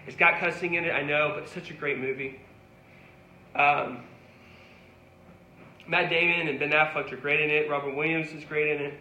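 A man's voice: a little high, steady tone, normal speed, pauses often, pushed and bright, slight background noise. A man preaching a sermon, earnest and pleading, with repeated calls to his listeners. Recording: echoey room with faint ambience.

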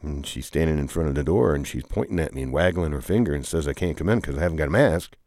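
A man's voice: extremely low pitch, expressive, quick pace, darkish tone, dry recording, clean studio sound. A man telling an improvised comic story with two bickering characters, rambling and often groaning and humming along. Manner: rambling, with frequent groaning "ugh"s and playful humming.

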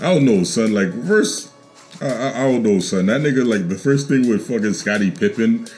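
A man's voice: on the low side, expressive, normal speed, darkish tone. A man co-hosting a podcast, chatting casually with loose, profane, joking storytelling and lots of slang over music. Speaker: podcast co-host. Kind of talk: casual chat. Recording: music bed underneath.

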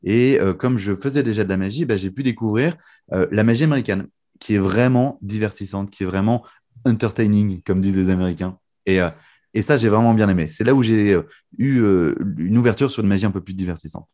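A man's voice: lowish voice, a little fast. A young man from France in his twenties, a guest magician talking casually in an interview, with loose fillers and restarts. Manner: relaxed, many fillers and restarts.

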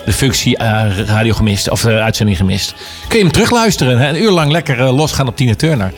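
A man's voice: medium pitch, big pitch swings, quick pace, faint music behind. A man hosting a local radio show from the studio, chatting in a bubbly way and laughing often. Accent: Dutch. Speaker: radio host. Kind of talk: lively local radio chat.

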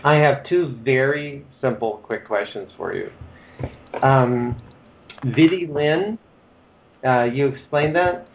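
Guy on speakerphone asking questions, polite and unsure, muffled phone sound. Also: medium pitch. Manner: polite, hesitant, many pauses and fillers. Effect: heard over a phone speaker. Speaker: caller. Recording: dull phone line with faint noise.

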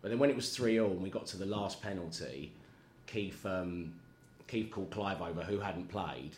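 A man's voice: low-pitched, normal speed, a little hiss or hum. Rambling, self-deprecating man in an echoey room. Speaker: guest. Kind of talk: casual chat. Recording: echoey room with faint ambience.

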